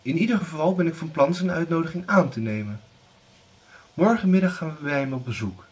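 A man's voice: on the high side, a little fast, husky, pitched above the performer's own voice. A man voicing a pushy scheming widow mother. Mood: coaxing. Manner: pushy, coaxing, scolding. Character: scheming middle-aged widow, eager mother.

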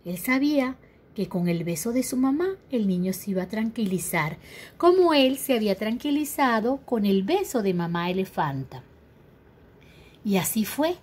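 A woman reading a picture book aloud to children, lively and asking her young listeners questions. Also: medium pitch, moderate pace, slightly rough. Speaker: storyteller for children.

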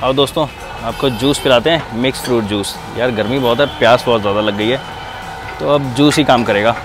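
A man's voice: medium pitch, fairly quick, music in the background. A man in his thirties hosting a casual travel vlog outdoors, talking cheerfully to his viewers into a phone at arm's length. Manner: cheerful, keeps addressing viewers as friends. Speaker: travel vlogger. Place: outdoors on busy city roads and a market. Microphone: phone held at arm's length. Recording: street traffic noise behind.

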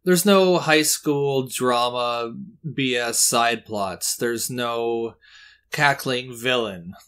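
A man talking through a movie review in an easy, chatty way. His pitch sits in an ordinary middle range, and he drifts into small joking asides about himself as he goes. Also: drawn-out words, clear, resonant tone. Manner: chatty, self-deprecating, relaxed asides. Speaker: host.

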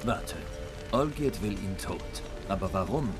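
An actor playing a stoic, dry-witted monster hunter in a video game, laconic and deadpan. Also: male voice, fairly low pitch, unhurried. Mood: calm, dry. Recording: music underneath.

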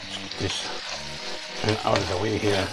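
A man's voice: low voice, slow, rough recording. An older man chatting folksily as he cooks in a home kitchen, with a frying pan sizzling and music playing behind him. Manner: folksy, chatty, with occasional pirate jokes. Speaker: home cooking host. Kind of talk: casual cooking demonstration in pirate costume.

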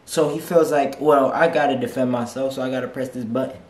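A man's voice: mid-range voice, steady tone, a little fast, darkish tone. Brash young man reacting in an echoey room. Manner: brash, profane, mocking. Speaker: reaction video host. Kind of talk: casual reaction commentary. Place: small room, seated on a couch.

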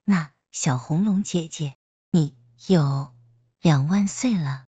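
A woman's voice: low voice, slow, warm tone, husky, dry recording, full character voice. A woman reading a story aloud, voicing a cheeky, playful young man who wheedles and teases.

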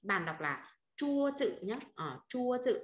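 A woman's voice: medium pitch, big pitch swings, slow pace, roomy sound. A woman teaching Chinese vocabulary, repeating points and checking often with her students. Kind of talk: online vocabulary lesson.

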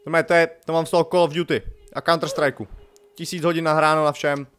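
A gaming YouTuber delivers casual, jokey let's-play commentary, swinging between loud excited outbursts and low mutters.

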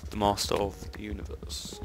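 A man's voice: on the low side, completely flat delivery, normal speed, music in the background. A young man, joking and laughing while playing a game with a friend, sometimes yelping in surprise. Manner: joking, laughs a lot, yelps when surprised. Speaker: let's play co-host. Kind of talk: casual gaming chat.

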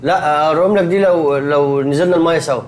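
A man's voice: fairly high pitch, fast talker, a little hiss or hum, natural voice. A man playing a jumpy, suspicious young Egyptian guy. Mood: jittery. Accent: Egyptian Arabic. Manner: nervous, quarrelsome sitcom banter. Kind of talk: TV sitcom acting.

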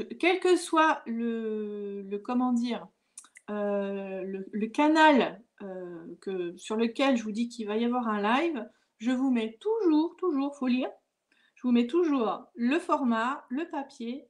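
A woman with a high voice leads a live watercolor lesson from home. She chats casually with her viewers, reading their comments aloud and laughing often between steps. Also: lively intonation, slow pace. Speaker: watercolor teacher hosting a live stream. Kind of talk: casual live-stream chat.

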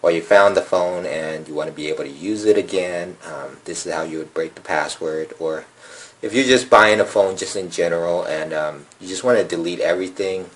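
The recording is rough, and the man's husky, low voice comes at a fairly quick clip. As a phone repair tutorial host at a table in an indoor room, he takes viewers through a phone reset step by step in a relaxed way, with lots of ums and uhs.

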